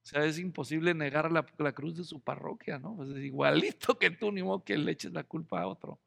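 A man preaches a lively, joking sermon and keeps pulling his congregation in with questions. His voice sits high for a man, and it trails off into a long church reverb. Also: fairly quick, gravelly. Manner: humorous, acts out quoted voices, asks the congregation questions. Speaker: pastor. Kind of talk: expository sermon.

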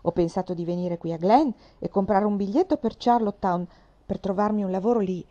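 A woman's voice: medium pitch, steady tone, fairly quick, dark tone, lightly acted. A woman voicing a tough, boastful orphan girl of about twelve who talks in a brash, defiant way. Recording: slightly dull lo-fi recording.

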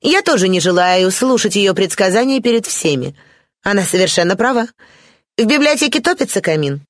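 A reader voicing a haughty, spoiled young lady of high society who gives commands in a sharp, disdainful way, in an audiobook. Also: lively intonation, brisk, no echo, studio quality, natural voice. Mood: imperious.

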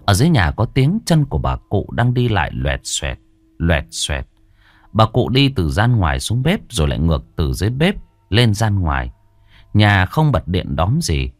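Deep guy reading a ghost story, voice rising and falling a lot, faint music behind. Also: sing-song, moderate pace, dry recording.

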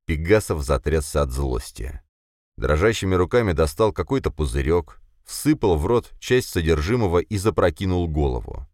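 A male narrator tells a fantasy story in the first person with expressive delivery. His voice is very deep yet lively in its melody. The recording is dry and close. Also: no room sound. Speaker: audiobook narrator. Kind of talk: scripted audiobook narration.

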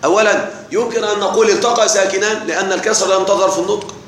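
A man's voice: high-pitched, steady tone, fairly bright tone. Echoey Arabic grammar teacher, man. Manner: repeats rules slowly, checks with students. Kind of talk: classroom lesson explaining morphology. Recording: very echoey room with faint noise.

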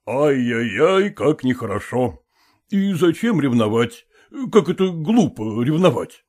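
A condescending professor in an audiobook, read by a man in his own voice. He speaks at an ordinary male pitch with a lively, rolling melody. He brushes off every accusation with smug, soothing evasions. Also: a little slow. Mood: patronizing. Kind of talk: audiobook character reading.

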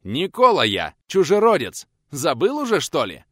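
A man voicing a fierce elderly retired teacher who shouts and scolds in rustic old speech. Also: medium pitch, big pitch swings, a little slow, no echo, studio quality, voice pushed up. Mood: furious shouting.

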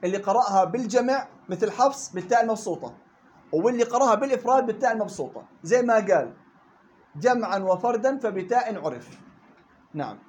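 A man with a Levantine Arabic accent leads a Quran recitation lesson in a fairly high voice, moving briskly from point to point. He keeps pausing to fire questions at his students and explains each rule in plain colloquial speech. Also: expressive. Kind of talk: classroom lesson.

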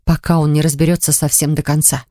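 A woman's voice: deep voice, little pitch movement, quick pace, no echo, studio quality, lightly acted. A woman reading the part of a shy young woman who evades questions and guards a secret. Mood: pleading. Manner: evasive, guarded, hushed.

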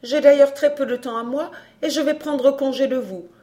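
A woman doing a haughty, sharp-tongued mother. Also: sits high, fairly even intonation, normal speed, voice pushed up, natural voice. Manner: sharp, peremptory. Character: haughty, overbearing middle-aged mother.

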